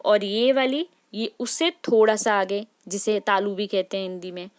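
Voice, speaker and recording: A woman's voice: medium pitch, moderate pace, clean tone. A woman teaching a lesson to children, patient, often checking in with questions and asking them to say sounds aloud with her. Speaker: Hindi teacher. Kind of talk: classroom lesson.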